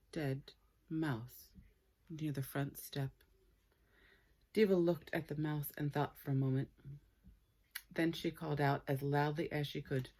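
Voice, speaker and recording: A low-pitched woman reads a children's story aloud, playful and expressive, with dramatic pauses.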